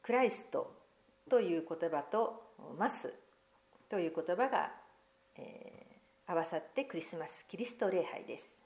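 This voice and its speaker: A woman leading a church children's talk, asking Bible quiz questions and then reading a picture book aloud with gentle, expressive storytelling and voices. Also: fairly low pitch, unhurried.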